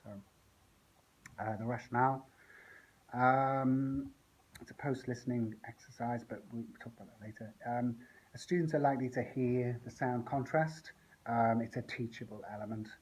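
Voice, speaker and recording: A man, an English language teacher, talking through the plan and rationale for a lesson, unscripted and thinking aloud with frequent pauses. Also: medium pitch, steady tone, darkish tone, slightly rough, poor audio.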